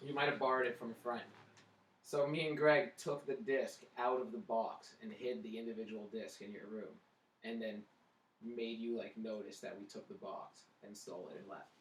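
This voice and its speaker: A man's voice: fairly low pitch, fairly even intonation, moderate pace, distant mic. A man chatting as a guest on a casual podcast, telling stories and arguing his points wryly. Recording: roomy sound, off-mic, faint room noise.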